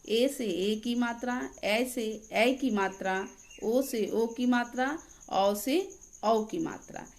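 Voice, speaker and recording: A woman teacher reads out a grammar lesson at an unhurried, deliberate pace. Her voice sits a little high, and she dictates each example word by word, as if for note-taking. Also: a little mellow, a little hiss or hum. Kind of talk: grammar lesson read aloud.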